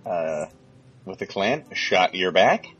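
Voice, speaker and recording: A man's voice: sits low, sing-song, slow, a bit bright, breathy edge, dull audio. A man hosting a casual gaming podcast, rambling with many fillers and crude jokes. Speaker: podcast host.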